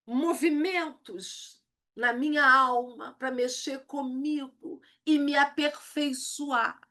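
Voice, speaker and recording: Woman, Brazilian accent, high voice, unhurried, emphatic Bible teacher. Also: bright, forceful tone. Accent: Brazilian Portuguese. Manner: emphatic, acts out quoted lines. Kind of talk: recorded church video lesson.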